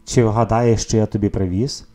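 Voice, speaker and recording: A man's voice: fairly low pitch, steady tone, normal speed, lightly acted. A man voicing a playful father who teases his son fondly. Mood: teasing. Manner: teasing, fond. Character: warm, playful father back from travels. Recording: soft music behind the reading.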